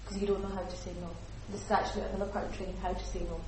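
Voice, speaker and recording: Female workshop trainer, animated, acts out examples; distant, echoey room recording. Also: medium pitch, rapid-fire, noisy background. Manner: lively, acts out example speakers. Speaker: teacher trainer.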